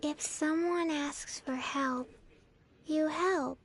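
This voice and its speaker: An actress voicing a small, blunt, dreamy girl in a video game, with a slow, flat, childlike delivery. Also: sits high, full character voice. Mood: gentle.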